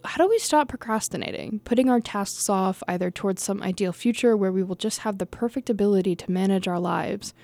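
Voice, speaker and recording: A young woman reads her own essay aloud at an even, middling pitch, her tone dark and mellow. The recording is close and dry. She sounds casual and easygoing, restarting lines and laughing at her own stumbles. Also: no room sound. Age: young adult. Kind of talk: reading an essay aloud with unscripted asides.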